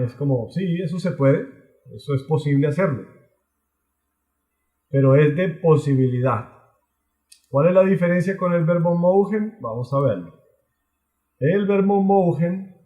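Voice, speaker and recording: A man teaching an online language lesson, explaining patiently and slowly, often repeating phrases. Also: on the high side, a little mellow, roomy sound. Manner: slow, patient explaining with many repetitions.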